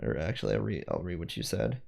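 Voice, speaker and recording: A man's voice: deep voice, sing-song, fast talker, creaky, a little mellow. A man streaming while he does 3D design work, chatting casually and rambling as he thinks aloud and corrects himself. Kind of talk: casual livestream chat while working.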